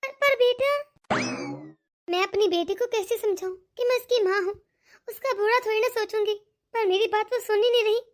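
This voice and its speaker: A woman voicing a worried aging mother in a cartoon, gentle and coaxing. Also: very high-pitched, moderate pace. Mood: fretful. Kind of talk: cartoon dialogue.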